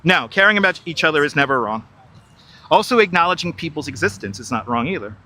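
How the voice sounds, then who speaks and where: This middle-aged man from New York talks fast in an animated, slightly high, sharp voice while live streaming on a walk beside a river. He's chatty and repetitive, reading out his viewers' messages and replying through a wireless clip-on mic.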